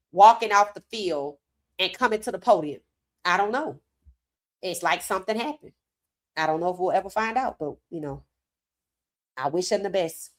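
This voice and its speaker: A woman hosts a sports commentary livestream, her voice hoarse from talking and on the low side. She's animated and emphatic, sprinkling in casual slang.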